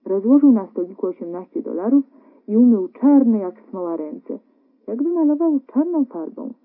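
A woman reading a literary story aloud as narrator, calm and measured. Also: on the high side. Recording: narrow phone-like radio broadcast.

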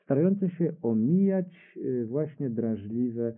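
Fielding questions from an audience at an unplanned public talk, a creator of radio cabaret rambles along in a medium-pitched, expressive voice, taking his time. He hesitates, reworks his phrasing, and reads out quotations, all captured on tinny, lo-fi archival radio tape.

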